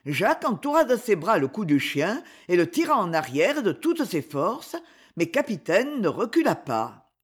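A woman narrating a children's story with expressive reading. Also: mid-range voice, moderate pace, slightly rough. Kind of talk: scripted narration.

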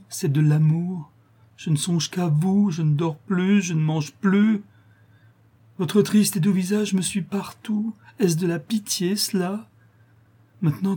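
A man reading an audiobook, voicing a frank, cheerful young woman who pleads lovingly, pitching his voice higher. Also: mellow, slightly rough. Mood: pleading.

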